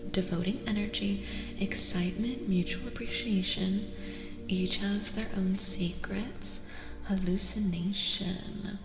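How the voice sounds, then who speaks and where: A stream host gives a soft-spoken ASMR tarot reading in a mid-range woman's voice, breathy and often whispering. She gently repeats phrases to soothe, and the recording carries a long, echoing reverb.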